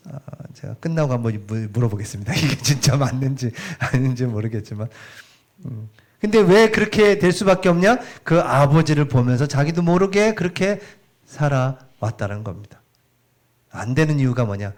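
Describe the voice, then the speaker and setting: A middle-aged man preaching a sermon in a church, chatty and animated, asking the congregation questions as he goes. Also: medium pitch, normal speed. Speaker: pastor. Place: church sanctuary.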